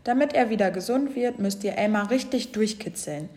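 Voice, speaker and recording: A woman's voice: medium pitch, normal speed, dark tone, in a large hall, natural voice. A woman voicing a sly, scheming female snake while reading a children's storybook aloud. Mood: knowing. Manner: sly, conspiratorial.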